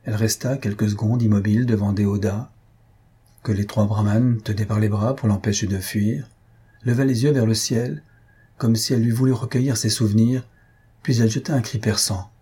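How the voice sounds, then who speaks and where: A man narrating a story audiobook in a measured, even way. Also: lowish voice, slightly rough.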